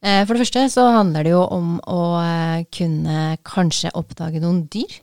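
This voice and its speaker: A woman with a smooth, resonant voice talks through a book in a relaxed, thoughtful way, pausing often with small hesitations. The sound is close and dry, with no room around it. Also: on the low side, no room sound. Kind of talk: casual book talk.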